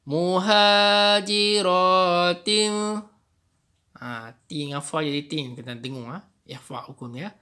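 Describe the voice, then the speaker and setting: A man with a Malaysian accent teaching young children Quran reading, drawing out each phrase slowly so they can repeat after him. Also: mid-range voice, steady tone, fairly bright tone. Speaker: Islamic studies teacher.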